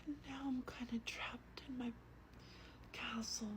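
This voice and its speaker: Close to the microphone, a woman whispers a bedtime story in a slow, breathy, gentle ASMR reading, playing a soft-spoken vampire host. Her voice sits on the high side with little pitch movement, and faint noise lingers behind her.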